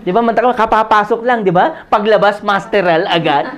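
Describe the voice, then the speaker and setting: A man's voice: high-pitched, fairly quick, fairly bright tone. A man from the Philippines in his forties, telling his own story in a motivational sales presentation, often checking with the audience and slipping in jokes. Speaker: business presenter. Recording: dull lo-fi audio.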